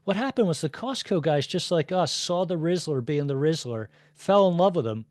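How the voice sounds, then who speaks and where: A man co-hosting a casual podcast chat, telling stories with deadpan jokes. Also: a little high, moderate pace, no room sound, clean studio sound. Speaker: podcast co-host.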